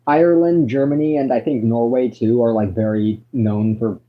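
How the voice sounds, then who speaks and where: A man chatting casually with a friend, halting and trailing off with fillers. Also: medium pitch, steady tone, phone-quality sound. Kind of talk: casual chat.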